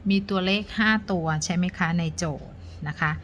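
A middle-aged woman teaching a math lesson to young pupils, counting each step aloud in a patient, polite way. Her voice sits a little low yet sounds bright and forceful. A faint steady hiss runs under the recording. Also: moderate pace.

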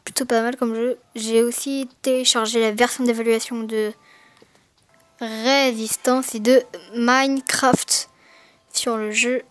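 Hesitant woman narrating an unboxing, high voice. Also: level tone, slow pace, no echo. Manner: hesitant, many fillers and self-corrections. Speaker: gaming video maker. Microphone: gaming headset mic.

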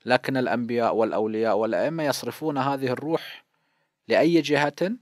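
Quick-paced and mid-range, the voice belongs to a fifty-something Iraqi cleric teaching a seminary lesson in Iraqi-accented Arabic. He explains every point and poses questions only to answer them himself; the audio is dry and close, with no echo and little room sound.

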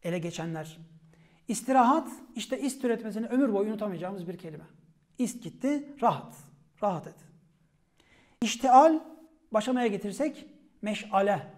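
A man with a high-pitched voice leads a vocabulary lesson on old word roots. He calls out each term sharply, then drops into a quieter, falling voice to explain it. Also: animated, normal speed, pauses often. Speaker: teacher.

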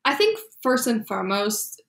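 A woman's voice: on the high side, very animated, normal speed, creaky, fairly bright tone, roomy sound. A young woman from Germany, a podcast guest, talking enthusiastically and at length in a casual chat in a living room. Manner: enthusiastic, chatty, explanatory. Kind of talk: casual video podcast conversation.

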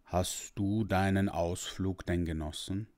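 A deep, rumbling old dragon from a storybook, voiced by a man reading aloud. He talks slowly, solemn and fatherly, patient with a child who disappointed him. The voice stays low and measured. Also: steady tone, darkish tone. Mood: wise. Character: ancient wise male sun dragon, kind and patient.

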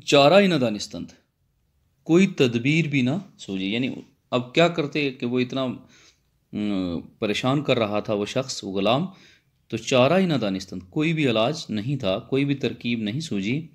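A man's voice: mid-range voice, animated, a little slow. A man, a Persian lecturer, reads a Persian text phrase by phrase and explains each one again in simple words. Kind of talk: line-by-line text explanation lesson.

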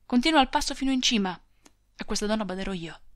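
A woman's voice: mid-range voice, fairly bright tone, no echo, clean studio sound, natural voice. A woman reading the part of a brusque young male soldier in an audiobook, speaking curtly and commandingly. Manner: curt, commanding, hurried.

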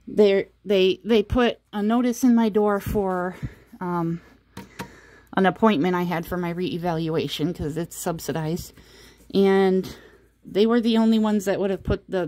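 A woman telling a personal story in a casual vlog, halting and explanatory, with an aggrieved manner. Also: lowish voice, a little mellow. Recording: clear background noise, handheld home recording.

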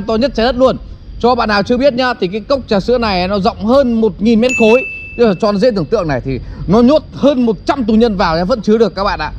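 A man hosting a comedy skit, narrating to viewers with exaggerated, excitable hype. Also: sits high, slight background noise. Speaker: host.

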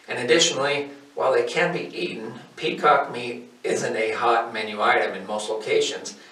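Man in his forties, farm channel host, steady scripted narration, roomy sound, mic set back. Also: mid-range voice. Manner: steady, informative, reads from a script. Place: indoors, in front of a wooden wall. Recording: roomy, somewhat distant mic.

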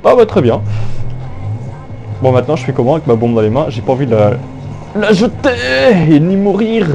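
A man's voice: a little high, sing-song, brisk, warm tone, soft background music. A young man giving casual, jokey gameplay commentary through an old phone headset, rambling with many fillers and restarts. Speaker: gaming YouTuber.

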